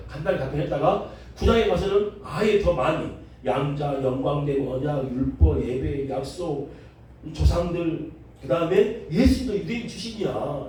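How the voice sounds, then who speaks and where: A pastor from Jeolla with a Jeolla accent, lecturing a seminary class on the Bible in a lively, joking manner and often asking the class questions. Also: male voice, high-pitched, slight background noise. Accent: Jeolla Korean. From Jeolla, South Korea. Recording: echoey room, recorded from a distance.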